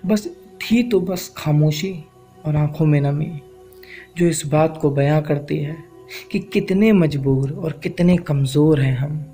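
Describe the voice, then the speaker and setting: A man's voice: fairly high pitch, slow, warm tone, soft background music. A man narrating a spoken-word story in an earnest, reflective way. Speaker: poet and storyteller.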